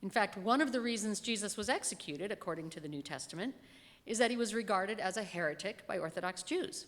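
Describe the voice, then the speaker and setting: Reading a minister's sermon as a lay reader, a middle-aged woman speaks fairly quickly and expressively in a mid-range voice. A gooseneck microphone on the lectern picks her up, and the church hall is echoey with long reverb.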